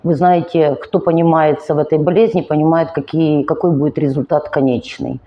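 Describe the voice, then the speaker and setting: A woman's voice: deep voice, steady tone, dull audio. A woman, telling her own life story in an earnest, emotional vlog monologue, weary and speaking with effort. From Ukraine. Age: 40s. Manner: earnest, emotional, slow and halting. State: weary, finds speaking hard. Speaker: vlogger. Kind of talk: personal confessional monologue.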